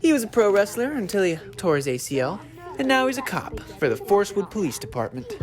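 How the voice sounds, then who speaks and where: Woman doing teasing cartoon school boy, dry n doubtful, animated pitch, crowd behind. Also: quick pace, natural voice. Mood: teasing, matter-of-fact. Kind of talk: animated film dialogue.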